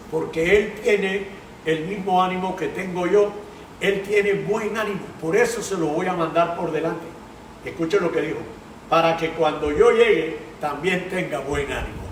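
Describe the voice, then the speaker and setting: Slow-speaking pastor preaching, roomy sound. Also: male voice, high voice, far from the mic, slight background noise. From Panama. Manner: slow and earnest, breaks into song. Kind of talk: sermon with singing.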